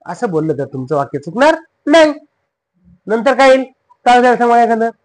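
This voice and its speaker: A man's voice: very high-pitched, big pitch swings, brisk, rough recording. A man with a Marathi accent teaches English pronunciation in a classroom style. He spells words out letter by letter, drills each word again and again, and playfully scolds wrong answers.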